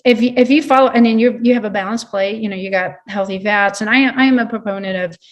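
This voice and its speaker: A woman in her fifties, a sports nutritionist, gives earnest advice during a casual podcast chat, often restarting her sentences. She talks fast in a mid-range voice, and the sound is lo-fi.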